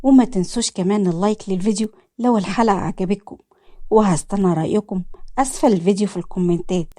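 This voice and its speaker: A woman with an Egyptian accent narrating a story in a calm, steady manner. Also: medium pitch, quick pace, no room sound, studio quality.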